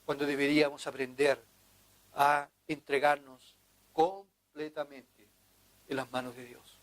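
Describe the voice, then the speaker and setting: A man's voice: medium pitch, flat delivery, a little slow. A man preaching a sermon as pastor, in an impassioned, pleading manner.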